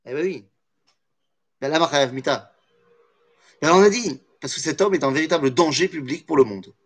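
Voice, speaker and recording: A man's voice: on the high side, fairly quick, breathy edge. A man teaching a Torah study lesson, explaining with animation, weaving in Hebrew terms and jokey asides.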